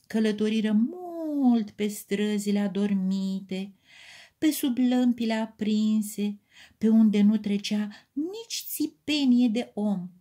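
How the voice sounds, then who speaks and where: A woman reading a children's story aloud, lively and expressive. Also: on the high side.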